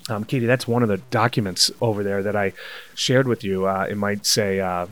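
A man's voice: on the low side, steady tone, brisk, a bit bright. A man who teaches MRI technologists, telling stories as a guest in a casual conversation.

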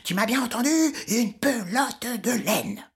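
A woman's voice: medium pitch, very animated, moderate pace, a bit bright, soft background music, pitched above the performer's own voice. Woman doing blustering king Minos. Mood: mocking. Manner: mocking, exasperated, theatrical.

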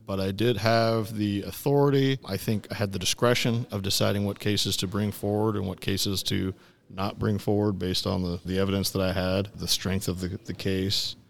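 A man's voice: fairly low pitch, creaky. A middle-aged man, an attorney, giving conversational answers as an interview guest.

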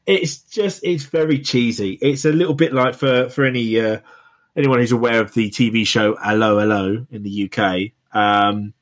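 A man's voice: medium pitch, steady tone, normal speed. A man, hosting a podcast and reviewing a film in rambling casual chat full of fillers. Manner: rambling, many fillers and restarts. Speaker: podcast co-host reviewing films.

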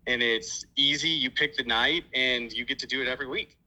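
Man over speakerphone, very bright sharp voice, upbeat casual phone chat, outdoors on a walk. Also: medium pitch, a little fast, poor audio. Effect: heard over a phone on speakerphone. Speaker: podcast guest on a phone call.

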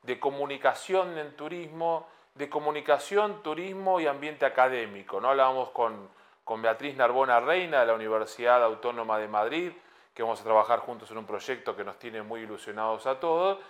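A man's voice: medium pitch, brisk, fairly bright tone. A man hosting a TV interview, chatty and joking, asking long winding questions. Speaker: TV talk show host. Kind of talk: conversational interview.

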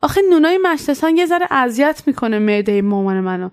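A woman's voice: high voice, very animated, clean tone. A woman doing an eager, pushy schoolgirl friend. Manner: urgent, persuasive.

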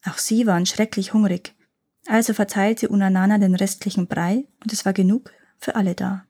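A woman reading a fairy tale aloud as a podcast storyteller, lively and expressive. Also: medium pitch, moderate pace, husky.

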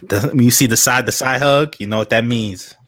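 A man's voice: medium pitch, fairly quick, fairly bright tone. A man co-hosting a casual podcast, giving short, slangy reactions in laid-back frat-bro banter. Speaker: podcast co-host.

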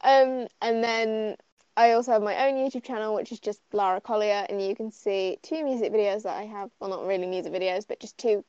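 A woman's voice: mid-range voice, darkish tone, smooth, no echo. A young woman, a singer guest on a podcast, chatting in a giggly, chatty way. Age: young adult. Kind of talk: casual chat. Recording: dull lo-fi sound.

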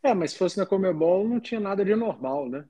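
Husky brazilian guy, casual soccer podcast commentator, dry close sound. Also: high-pitched, animated, fast, dark tone, dry recording. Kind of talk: casual chat.

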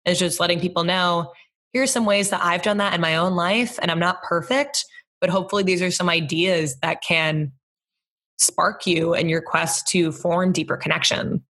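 Earnest young woman, lowish voice. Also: fairly even intonation, normal speed, a bit bright. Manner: earnest, thoughtful, laughs easily. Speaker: interview guest, community organizer. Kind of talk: casual interview chat.

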